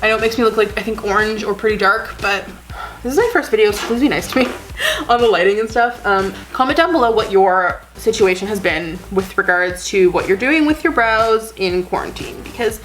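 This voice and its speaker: A beauty vlogger talks to a camera on her desk, lit by a ring light, in a basement room at home, with faint music behind her. She rambles, makes fun of herself, says "like" a lot, and sounds a bit sniffly. Her mid-range voice is fairly quick and fairly bright, with lively intonation.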